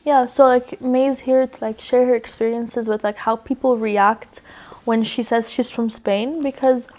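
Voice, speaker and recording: A chatty teenage girl hosts a casual podcast, her voice sitting a little high. She talks loosely and fills her sentences with "like" and "um". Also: steady tone, measured pace, darkish tone. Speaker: podcast host. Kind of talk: casual chat.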